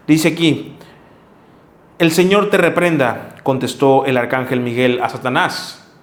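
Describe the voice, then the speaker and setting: A man's voice: mid-range voice, steady tone, a little slow. A man preaching a sermon, reading Bible verses and earnestly scolding his listeners. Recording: echoey room.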